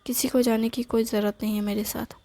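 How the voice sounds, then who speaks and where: A woman's voice: on the high side, flat delivery, quick pace, warm tone, natural voice. A woman reading the lines of a determined young heroine who insists on going alone, in her own voice.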